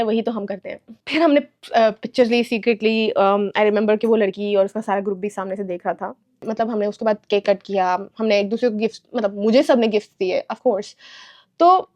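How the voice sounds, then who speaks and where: A young woman from Pakistan telling a casual storytime vlog, animated, acting out quotes and mixing in English. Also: high-pitched. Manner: animated, mixes English into Urdu-Hindi, acts out quotes. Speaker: vlogger.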